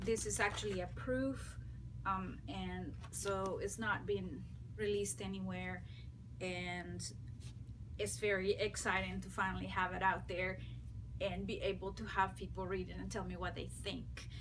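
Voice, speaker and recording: A woman in her thirties from Honduras, a native Spanish speaker with a Honduran Spanish accent, talking to camera as an author in a friendly, unhurried way with many ums and uhs. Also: mid-range voice, a bit bright, slight background noise, low-quality recording. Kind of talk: casual talk to camera.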